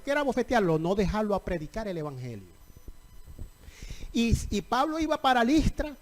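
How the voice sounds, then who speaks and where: A man preaching a sermon in a lively, colloquial way, acting out scripture scenes as he teaches. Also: high voice. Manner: animated, colloquial, acts out scripture quotes.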